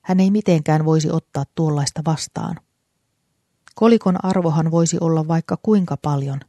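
A narrator reading a story aloud in a calm, even storytelling manner. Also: mid-range voice, dry recording. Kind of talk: audiobook narration.

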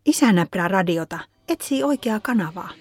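A woman narrating a children's story in a calm, even reading voice. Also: medium pitch, breathy edge.

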